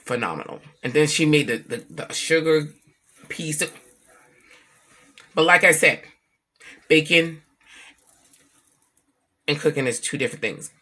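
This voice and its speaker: A woman vlogging casually about family, telling an animated, profane story and acting out what others said. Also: low-pitched, a little slow, pauses often. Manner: emphatic, repeats herself for effect.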